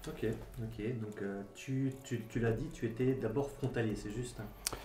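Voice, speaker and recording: A man interviewing a guest in a relaxed way, speaking quietly with short encouraging prompts. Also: fairly low pitch, a little slow. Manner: quiet, encouraging, brief backchannels. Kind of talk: casual interview.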